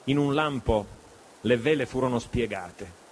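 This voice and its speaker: A man reads an adventure story aloud in a dramatic audiobook style. His voice sits at a middle pitch and moves expressively, dipping and rising with the action of the scene. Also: unhurried, slight background noise. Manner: expressive, shifts voice for dialogue. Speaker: audiobook reader. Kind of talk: dramatic literary reading.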